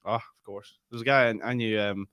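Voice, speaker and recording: A man's voice: fairly low pitch, smooth, no echo, studio quality. A young man, co-hosting a podcast in casual chat and telling stories animatedly. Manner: fast, animated storytelling. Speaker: podcast co-host.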